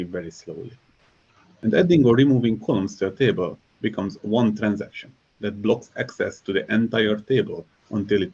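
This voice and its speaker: A software engineer from Hungary gives a scripted conference talk in a low, slightly husky voice. His delivery is measured and explanatory, with a dry ironic edge now and then. The recording sounds a little muffled.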